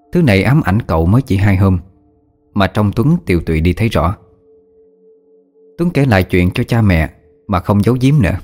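A man narrating a horror story in a steady, measured storytelling voice. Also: sits low.

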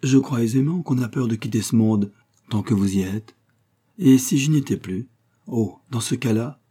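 A man's voice: medium pitch, normal speed, dark tone, breathy edge, voice pushed up, close to an everyday voice. A man voicing a lovesick, ardent young royal page in an audiobook, with earnest, fervent courtly speech. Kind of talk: audiobook character voice.

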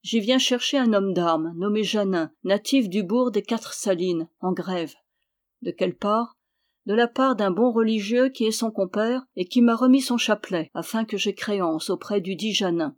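A shrewd, scheming male traveler, read by an audiobook narrator. He is politely guarded, with a quiet scorn underneath. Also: medium pitch, normal speed, natural voice. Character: shrewd scheming traveler, a royal barber's valet. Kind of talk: audiobook character reading.

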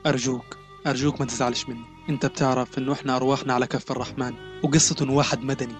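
A stern, suspicious commander played by a man who speaks in quick, clipped orders at a middling pitch. Soft music runs underneath, as in a radio drama. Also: level tone, natural voice. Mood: apologetic. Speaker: military commander.

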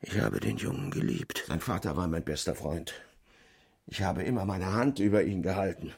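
Gruff old general, gravelly, husky, low voice, radio play. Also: male voice, expressive, normal speed, darkish tone, full character voice. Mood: shaken. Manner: blustering, gruff.

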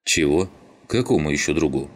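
A man voicing a brash, mouthy young male skinhead who jeers loudly at the others. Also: rumbling low, expressive, normal speed. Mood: jeering. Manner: loud, cocky, jeering.

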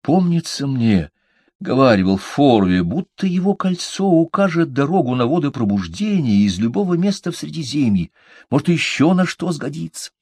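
A man's voice: a little high, very animated, moderate pace, darkish tone, slightly rough, no echo, studio quality, voice pushed up, heavily acted. A man voicing a thoughtful, earnest male hobbit who explains things carefully.

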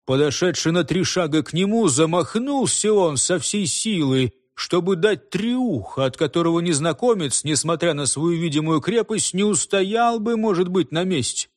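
A man narrating a classic story in a measured, scripted reading. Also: sits high, expressive, no echo, studio quality.

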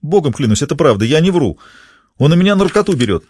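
A man's voice: on the high side, very animated, fast, darkish tone, slightly rough, no echo, studio quality, voice pushed up. Guy reading as a scared young street dealer, whiny and begging, voice goes up and down a lot. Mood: protesting. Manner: whiny, pleading, speaks through gritted teeth. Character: cornered young male small-time dealer, scared and evasive.

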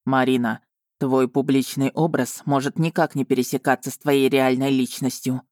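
A woman voicing a proud, stern male dragon who speaks to his fiancée in slow, commanding tones. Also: very deep voice, little pitch movement, a little mellow, dry recording, clean studio sound. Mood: serious. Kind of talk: audiobook character voice.

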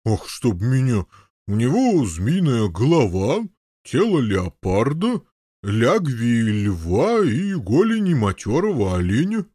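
A man voicing a gruff, grumbling elderly Norman knight in an audiobook, with a husky, blustering manner. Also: mid-range voice, big pitch swings, slow pace, mellow, dry recording, studio quality, exaggerated voice. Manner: blustering, huffy protests. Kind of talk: audiobook character voice.

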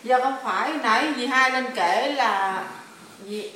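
Hesitant higher-voiced woman. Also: a little slow, bright, forceful tone, recorded from a distance. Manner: hesitant, restarts often. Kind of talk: explaining to a spiritual master. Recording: echoey room, voice from afar, faint noise.

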